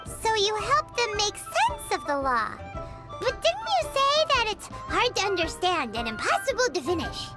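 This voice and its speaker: A woman voicing a tiny, excitable girlish travel companion in a game, eager and quick to exclaim. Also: extremely high pitch, heavily acted. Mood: curious. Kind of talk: game voice acting. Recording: studio voice over game music.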